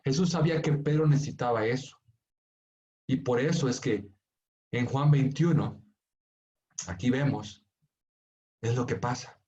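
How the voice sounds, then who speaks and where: Earnest Bolivian pastor preaching. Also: male voice, medium pitch, a little slow, pauses often, highs cut off. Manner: earnest, swings from hushed tender storytelling to emphatic pleading. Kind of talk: sermon.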